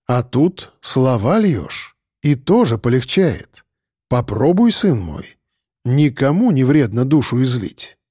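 A man voicing a calm, patient priest who speaks slowly and gently, like a father guiding someone. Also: medium pitch, slightly rough, no room sound, studio quality, heavily acted. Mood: calm, fatherly. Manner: slow, gentle, instructive.

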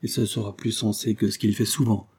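A man voicing a kindly woman housekeeper who speaks warmly and anxiously. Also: lowish voice, flat delivery, fairly quick, husky. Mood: fretful. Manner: warm, anxious.

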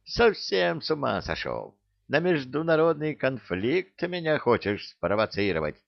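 A man voicing a stern, irritable tsar with a gruff, commanding manner, in an audiobook. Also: medium pitch, wildly swooping pitch, measured pace, dry recording, dull audio, pitched above the performer's own voice, exaggerated voice. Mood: angry.

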